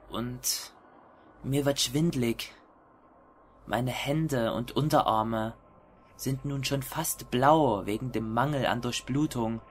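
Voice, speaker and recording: Man acting a hushed, creeping, deranged horror narrator. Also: mid-range voice, background noise, natural voice. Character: deranged, self-mutilating narrator of a horror tale. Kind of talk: scripted first-person horror narration.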